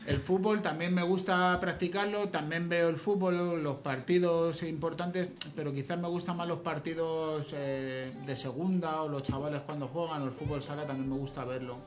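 A man's voice: fairly high pitch, steady tone, normal speed, hardly any pauses. A man, a guest telling jokes and talking casually about sports. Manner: tells jokes, chatty. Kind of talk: casual chat.

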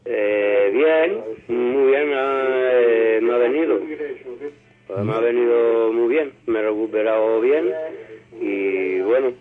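A man's voice: medium pitch, slow pace, over music. A man calling in to a radio show over the phone, chatting casually and hesitantly, with many fillers. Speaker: radio caller. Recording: tinny phone line with crowd noise behind.

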